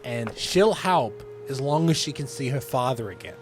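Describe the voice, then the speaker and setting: A man hosting a casual podcast, retelling a script with lively energy and frequent laughs. His voice sits in a middle register. Faint music plays underneath. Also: medium pitch, moderate pace. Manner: animated retelling, laughs often. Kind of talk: casual storytelling chat.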